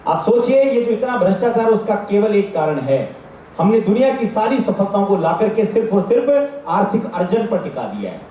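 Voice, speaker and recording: High-voiced man preaching, echoey from afar. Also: big pitch swings, normal speed, dark tone, slight background noise. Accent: Rajasthani. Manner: earnest, exhorting preacher tone. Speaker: spiritual speaker. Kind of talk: religious discourse. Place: large gathering space. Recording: echoey from far off.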